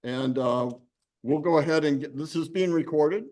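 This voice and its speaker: A man's voice: on the high side, normal speed, darkish tone. A man hosting a university meeting in a rambling, casual way. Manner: rambling, full of fillers and restarts. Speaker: program director and host. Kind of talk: informal meeting introduction. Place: university classroom.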